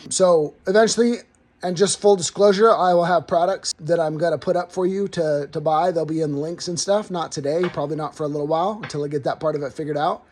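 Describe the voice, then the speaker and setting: A man's voice: fairly high pitch, fairly even intonation, fast talker, a little mellow. A man in his garage, chatting casually and rambling a little as he talks straight to his viewers about his car project. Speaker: DIY car builder vlogger. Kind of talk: casual talk to camera. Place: home garage.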